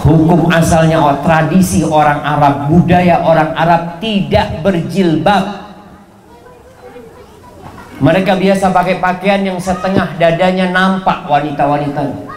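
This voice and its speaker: A man preaching a sermon in an animated way, swinging his pitch and volume for emphasis. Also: unhurried, reverberant, a little hiss or hum.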